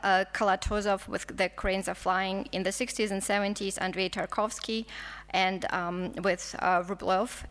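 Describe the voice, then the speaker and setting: A film historian with a Russian accent delivers an academic conference talk, reading with many stumbles, restarts and fillers. Her mid-range voice is a bit bright and trails a long reverb tail.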